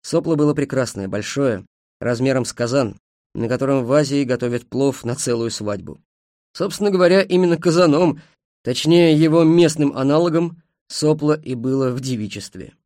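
A man's voice: mid-range voice, expressive, moderate pace, a little mellow, no echo. Male audiobook narrator, dry and ironic. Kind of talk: scripted narration of a novel.

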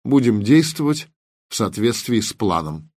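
A wry officer who smirks and lectures as he muses aloud, read by a man in an audiobook. The voice sits low and is recorded close and dry, without room sound. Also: big pitch swings, unhurried, darkish tone, dry recording. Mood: musing. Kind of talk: audiobook character reading.

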